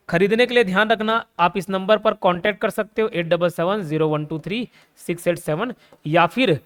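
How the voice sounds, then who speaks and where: Young male tutor, bright high voice, playful mnemonic lecturing. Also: clean tone. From India. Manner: playful, repeats key words, asks and answers his own questions. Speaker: online exam-prep teacher. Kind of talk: Hindi lecture with mnemonic tricks.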